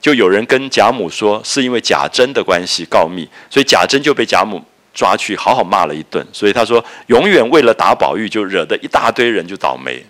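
Male lecturer, lowish voice with very expressive pitch, conversational storytelling style with filler words. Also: brisk. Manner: lively explaining, sprinkled with "ah" and "okay" fillers. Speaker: literature lecturer. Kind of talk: lecture retelling a classic novel.

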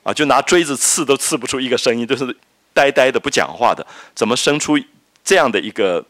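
A man's voice: medium pitch, expressive, fairly quick, a bit bright, no room sound. A middle-aged man, lecturing on a classic novel, reading passages aloud and then explaining them. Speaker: literature lecturer.

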